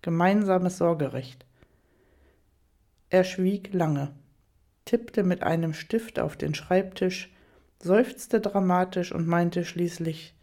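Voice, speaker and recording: A woman reads an audiobook story aloud at a measured, even pace. Her voice is low and mellow. She narrates steadily.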